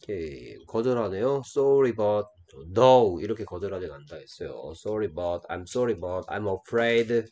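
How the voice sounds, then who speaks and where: A man teaches an English textbook dialogue, drawing out each English line slowly before explaining it. His voice sits low and his pace is unhurried. A faint hiss with occasional clicks lies under the recording. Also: lively intonation, warm tone, highs cut off. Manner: reads English lines slowly and deliberately, then explains in Korean.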